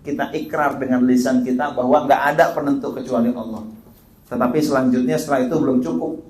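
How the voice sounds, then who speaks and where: A man giving an Islamic sermon in a lively, animated way, often acting out the voices of the people he quotes. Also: mid-range voice, fast talker. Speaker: Islamic preacher. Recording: echoey room.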